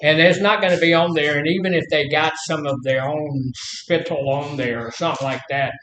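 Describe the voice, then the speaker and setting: A man's voice: a little high, steady tone, fairly quick, fairly bright tone, roomy sound, a little hiss or hum, low-quality recording. A middle-aged man teaching a casual class, folksy and full of questions to the room. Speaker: health instructor.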